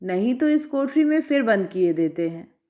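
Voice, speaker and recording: A woman's voice: a little high, animated, moderate pace, warm tone, lightly acted. A woman voicing a stern father. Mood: scolding. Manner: firm, scolding. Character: stern middle-aged father scolding his son.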